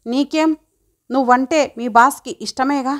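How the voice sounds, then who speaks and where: Brief: a woman reading a friendly young woman ribbing her friend, bright and a bit high. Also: moderate pace. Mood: teasing. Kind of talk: audiobook character reading.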